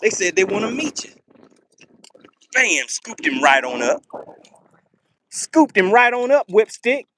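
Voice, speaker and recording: A man commentating a live fishing stream to his chat from a boat on a lake, excitable and teasing, laughing often. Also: high-pitched, unhurried, pauses often, slight background noise.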